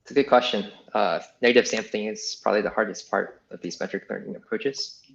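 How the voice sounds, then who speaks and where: A man's voice: lowish voice, a little fast, gravelly. A man giving unscripted, hedging explanations as an engineer in a technical question session. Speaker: engineer answering audience questions. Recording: slightly dull, lo-fi online call.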